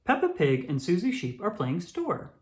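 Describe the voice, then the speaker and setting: A narrator reading a children's storybook aloud in a deliberate way for young listeners. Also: medium pitch, huge pitch swings. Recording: roomy echo.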